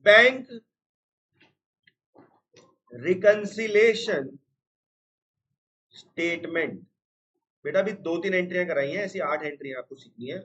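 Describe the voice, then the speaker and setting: Guy teaching accounts online, highish voice, keeps telling kids to listen, bit muffled. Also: expressive, slow pace, long pauses, fairly bright tone. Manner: scolding, teasing students, repeats "suno". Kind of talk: live online class teaching. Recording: slightly dull lo-fi sound.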